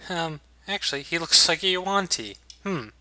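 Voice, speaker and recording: Very bright-voiced man doing game commentary. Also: a little high, lively intonation, normal speed. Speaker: gaming video host. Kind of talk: casual let's play commentary.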